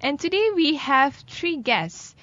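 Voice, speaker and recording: Woman radio host, kinda high voice, jokey and chatty, bit muffled. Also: big pitch swings, takes it slowly, fairly bright tone, no room sound. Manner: chatty, laughs easily, teasing. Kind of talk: radio talk show chat. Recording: slightly dull lo-fi studio audio.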